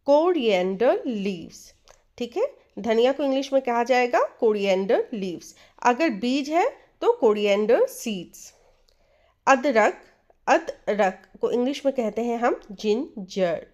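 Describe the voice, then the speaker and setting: Slow, patient Indian woman teaching words. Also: fairly high pitch, a little mellow. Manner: repeats each word slowly, asks quiz questions. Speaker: English vocabulary teacher. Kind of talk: slow, drilled vocabulary lesson.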